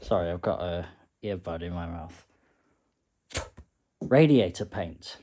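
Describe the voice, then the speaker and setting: A man's voice: low-pitched, slow pace, warm tone, slight background noise. A man vlogging with a phone, talking in a rambling, tipsy way and swearing now and then. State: drunk. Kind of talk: casual vlog narration. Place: bus, street and home.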